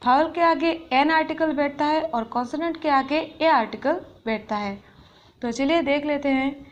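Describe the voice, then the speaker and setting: A woman teaching an English grammar lesson, explaining patiently and reading English example sentences slowly. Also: high-pitched, lo-fi sound.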